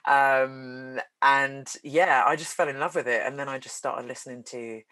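A woman's voice: extremely low pitch, fairly even intonation, moderate pace, pushed and bright, no room sound. A woman with a British accent, a theatre performer chatting casually as an interview guest. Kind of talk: casual group interview chat.

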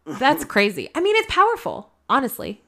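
A woman's voice: sits high, moderate pace, creaky. Chatty woman podcast co-host. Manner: animated, lots of fillers and asides. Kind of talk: casual chat.

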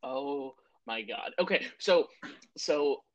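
Male co-host, husky, animated voice, stammering restarts, casual cursing. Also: on the high side, slow, highs cut off. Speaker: podcast co-host. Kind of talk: casual chat.

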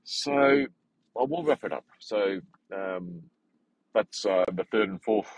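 A man in his forties hosting a podcast, talking in a rambling, animated way with many fillers and restarts. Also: fairly low pitch, slow, no room sound, poor audio. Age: 40s. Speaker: podcast host. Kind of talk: casual unscripted monologue.

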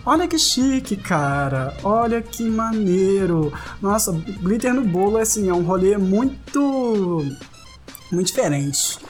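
A man hosting a podcast, reading listener comments aloud in a casual, playful, slangy way with lively jumps in pitch. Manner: animated, playful, slangy, jumps between high and low pitch. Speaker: podcast host.

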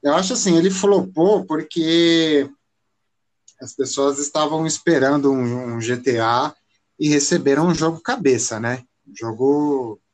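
A man with a Brazilian Portuguese accent hosting a casual podcast chat, opinionated and animated, often restarting his sentences. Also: fairly high pitch, a little slow.

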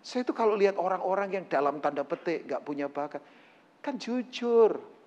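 A man preaching a sermon to his congregation, animated and joking, acting out quotes. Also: sits high, moderate pace, in a large hall, highs cut off. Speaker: pastor. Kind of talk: lively sermon.

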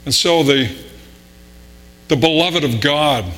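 A man's voice: fairly high pitch, slow, fairly bright tone. A man preaching a conversational sermon with anecdotes, pressing harder on his key points. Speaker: pastor. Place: church sanctuary. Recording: reverberant hall with mains hum.

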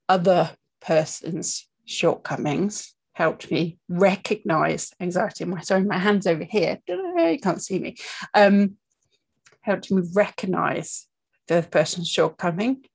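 Slow, halting woman, slightly husky. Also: fairly low pitch. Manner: halting, deliberate delivery with long pauses; candid, conversational, checks in with okay and yeah. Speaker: breathing coach. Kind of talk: informal spoken talk to camera about anxiety and breathing.

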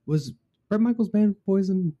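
A man's voice: high voice, expressive, normal speed, mellow, highs cut off. A laid-back man co-hosting a podcast in casual, rambling chat, laughing often. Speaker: podcast co-host.

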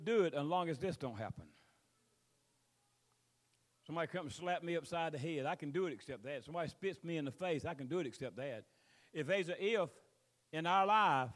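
A man with a Southern US accent preaching as a pastor, folksy and rambling, drawling out scripture phrases. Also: a little high. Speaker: pastor preaching to his congregation. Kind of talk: sermon, mixing scripture reading with plain exhortation.

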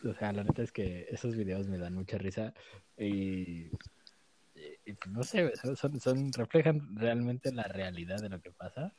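A man with a Mexico City Spanish accent co-hosts a comedic podcast from a remote spot, apart from his co-host. His voice sits on the low side and sounds warm, moving at a moderate pace. The chat is casual and laid-back, packed with slang and filler words.

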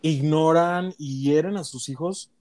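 A man's voice: on the high side, measured pace. A young man with a Mexican Spanish accent, candidly telling a personal story in casual chat and acting out the voices of people in it. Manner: candid, animated, acts out quoted voices. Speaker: guest telling his story.

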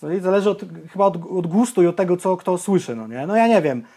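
His voice sits high and he talks fast, a young man co-hosting a podcast. Casual chat turns into animated, sweary rants as he bluntly airs his opinions.

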